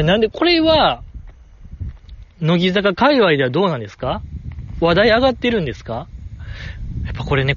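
Excitable Kansai man chatting solo. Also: dull audio, a little hiss or hum. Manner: excitable, jumps in pitch when enthused, chuckles to himself. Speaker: podcast host. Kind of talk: solo casual podcast talk.

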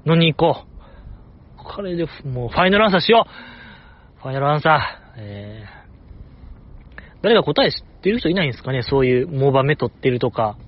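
A man's voice: mid-range voice, big pitch swings, brisk, long pauses, lo-fi sound. A man with a Kansai accent hosting a podcast alone, chatting casually and repeating himself for emphasis. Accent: Kansai Japanese. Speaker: podcast host. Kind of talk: solo casual chat.

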